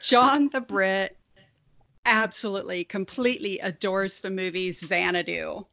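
A middle-aged woman in a casual group chat, telling a rambling anecdote in a relaxed way. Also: mid-range voice, unhurried, vocal fry, no room sound. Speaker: podcast co-host, mother of a co-host. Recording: dry, dull lo-fi recording.

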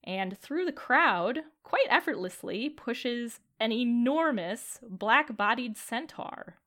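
A woman's voice: a little high, animated, slow pace, a bit bright. A woman narrating a tabletop game as game master, chatty, with many fillers.

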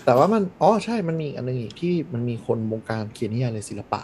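A man chatting casually on a podcast, blunt and animated, swearing freely. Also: mid-range voice, fast, slight background noise. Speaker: podcast host. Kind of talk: casual chat.

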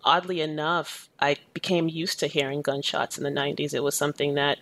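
A woman's voice: sits low, steady tone, a little fast, fairly bright tone. A woman in her thirties who was born in Jamaica, answering interview questions in a thoughtful, earnest way, often with "you know.". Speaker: educator and activist, interview guest.

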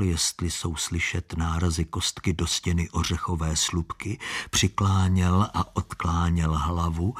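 A man narrating an audiobook story in an expressive, shifting storytelling manner. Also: low-pitched, slightly rough.

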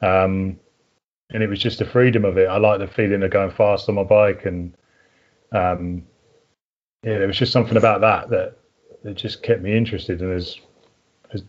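The audio is dull as a middle-aged man with a deep voice speaks at a moderate pace, fairly even in intonation and with long pauses. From southern England with a home counties accent, he's a mountain biker chatting casually as a podcast guest, hesitant and thinking out loud.

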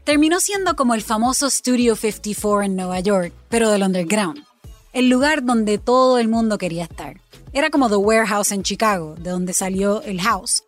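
A woman from Puerto Rico with a Puerto Rican accent, hosting and narrating a documentary podcast in a measured storytelling way. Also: medium pitch, lively intonation, soft background music. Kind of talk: scripted narration.

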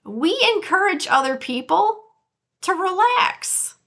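Slow-talking Midwestern woman, bright and gravelly. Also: extremely high pitch, big pitch swings. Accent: Midwestern American (Detroit). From Detroit area, USA. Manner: chatty, laughs often, speaks to listeners as "guys". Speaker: podcast host. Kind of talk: casual solo podcast talk.

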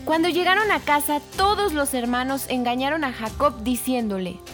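A woman hosting a weekly children's story show, narrating in an animated, expressive way with emphatic repetition. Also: high voice, normal speed, faint music behind.

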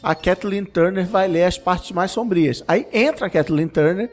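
A man's voice: high voice, normal speed, a little mellow, faint music behind. A man, chatting enthusiastically as a podcast panelist. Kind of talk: casual chat.

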